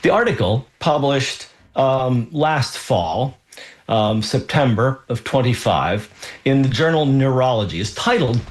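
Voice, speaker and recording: A man hosting a health radio show as a doctor, talking off the cuff in a deliberate, halting way with emphatic pauses. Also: medium pitch. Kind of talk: unscripted health talk.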